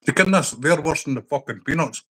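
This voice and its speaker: A man's voice: a little high, expressive, fairly quick, slightly rough. A man hosting a casual stream, talking bluntly with plenty of swearing. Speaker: host. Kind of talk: casual chat on a livestream.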